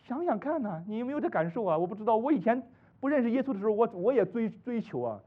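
Animated high-voiced man preaching. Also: quick pace. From China. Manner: animated, rhetorical questions, swings between loud and hushed. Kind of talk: sermon. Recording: tinny phone-like recording.

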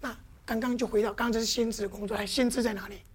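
A woman leading a lively, interactive church teaching, constantly asking the audience questions and acting out examples. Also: fairly high pitch, very fast, slight background noise. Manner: lively, with playful demonstrations.

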